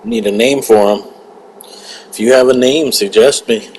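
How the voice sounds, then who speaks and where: A man's voice: medium pitch, measured pace, darkish tone, a little hiss or hum, rough recording. A man giving casual, rambling commentary over a hunting video game, often restarting his words. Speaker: gaming channel host.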